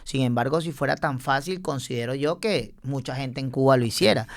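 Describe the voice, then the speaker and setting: A man's voice: mid-range voice, a little fast, no room sound, studio quality. A man from Venezuela hosting a podcast interview, asking probing follow-up questions. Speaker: podcast host.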